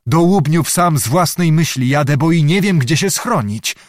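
Man doing a scared servant guy bringing bad news, high and jumpy, dry close sound. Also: animated, normal speed, no room sound, lightly acted. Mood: alarmed. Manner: urgent and alarmed, pitched high above the narration. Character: frightened male servant messenger, breathless and urgent.

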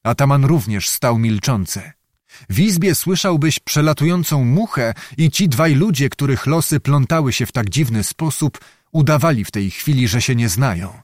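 A man narrating an audiobook in an expressive reading voice. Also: medium pitch, normal speed, no room sound, clean studio sound.

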